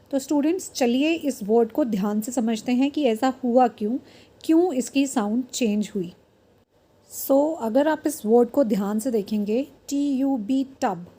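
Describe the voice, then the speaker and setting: A woman teacher, giving a phonics lesson and explaining in a mix of Hindi and English, sounding out word pairs slowly and deliberately. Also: fairly high pitch, dark tone. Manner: slow, deliberate word-by-word pronunciation drills.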